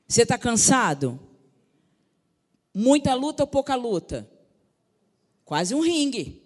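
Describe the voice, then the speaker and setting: Preaching in a large church sanctuary, a woman pastor calls out fervently to her congregation. Her voice sits on the high side, very animated yet slow, and the recording echoes with the hall's reverb.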